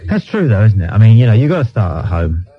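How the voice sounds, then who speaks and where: On a dull, lo-fi radio recording, a British phone-in host argues late at night in a blunt, dismissive manner, hammering the same points again and again. He talks quickly in a fairly low voice with big swings in pitch, and there's slight background noise.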